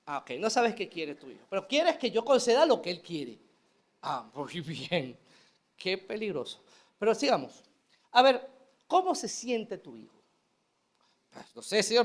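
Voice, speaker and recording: A male pastor, preaching a sermon and acting out prayers and dialogue. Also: high-pitched. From Venezuela.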